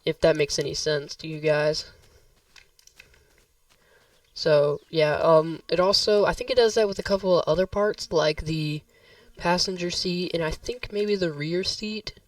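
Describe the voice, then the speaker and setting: A man's voice: on the high side, no echo, far from the mic. A man hosting a casual gameplay tutorial, rambling and correcting himself as he talks to viewers, his voice a little worn. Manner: rambling, self-correcting, addresses viewers as guys. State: slightly losing his voice. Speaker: gaming tutorial host.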